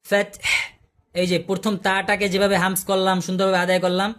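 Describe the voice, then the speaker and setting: Patient teacher on a video call. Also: male voice, sits high, monotone, a little fast, a bit bright. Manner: patient, repeats sounds and asks the class questions. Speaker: Quran recitation teacher. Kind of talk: online tajweed class.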